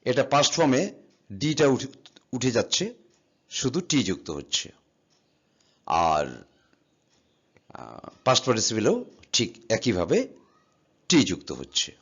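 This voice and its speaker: A man's voice: medium pitch, very animated, a little slow, long pauses, breathy edge. A man teaching an English grammar lesson, patiently spelling words out letter by letter and asking and answering his own questions. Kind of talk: classroom lesson explaining verb forms. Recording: slightly dull, lo-fi sound.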